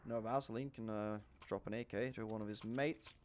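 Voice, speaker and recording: A brisk, excitable man casts a shooter game with live play-by-play over a noisy background where game gunfire is audible. As an esports caster, he rises in pitch and volume in the fights and stays calm between rounds.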